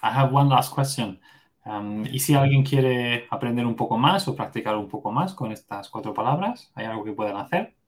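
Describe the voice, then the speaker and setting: A man's voice: medium pitch, moderate pace. A man co-hosting a podcast lesson who asks the teacher a question on behalf of listeners. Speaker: podcast co-host.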